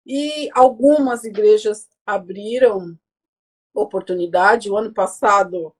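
A woman in her forties telling her story in conversation, animated and acting out what others said to her. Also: mid-range voice, slow, slightly rough. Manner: animated, acts out quoted dialogue. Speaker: guest speaker.

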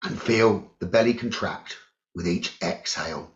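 With a voice that sits low, this man leads a guided meditation as its teacher, offering calm, deliberate short phrases with long pauses between. The audio is dull and lo-fi.

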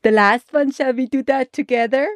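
A woman's voice: high voice, dry recording. A middle-aged woman with a non-native English accent, a mother talking casually to the camera and laughing often. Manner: slow and careful, laughing often. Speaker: mother and vlogger.

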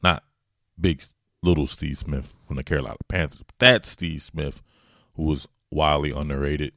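A very deep-voiced man with a Southern US accent, from the southern states, hosts informal football commentary alone, slangy and familiar with listeners as an analyst. His tone is steady and fairly bright at a moderate pace, with studio-quality, echo-free audio.

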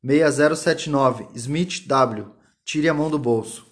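A man's voice: medium pitch, slow, natural voice. A man voicing a stern male voice from a telescreen, giving clipped commands in an audiobook reading. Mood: commanding.

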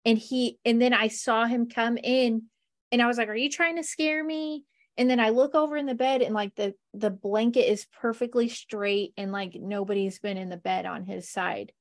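Woman podcast host, higher voice, chatty laughing storyteller, dry booth sound. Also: steady tone, normal speed, dry recording. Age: adult with a husband. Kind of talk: casual chat about movies.

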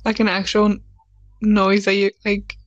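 A woman's voice: mid-range voice, monotone, unhurried, muffled recording, crowd noise. A young woman co-hosting a casual chat, blunt and teasing. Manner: blunt, teasing, frequent "like" fillers. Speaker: podcast co-host.

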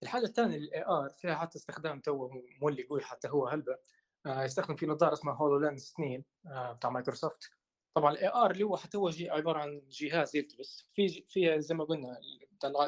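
A man's voice: on the high side, very fast. A man with a Libyan Arabic accent, a guest on a podcast, explaining technology step by step with examples. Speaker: guest expert. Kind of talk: casual podcast conversation.

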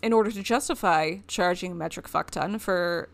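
A woman's voice: fairly low pitch, moderate pace, vocal fry. A woman co-hosting a podcast, telling a history story in a rambling, casual way and laughing often. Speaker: podcast co-host.

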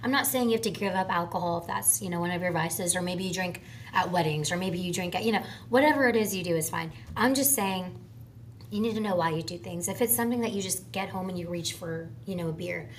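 A woman's voice: on the low side, slight background noise. A woman in her twenties, a podcast guest chatting casually and animatedly, often jumping in with agreement. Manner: animated, quick to jump in with agreement. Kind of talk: casual conversation.

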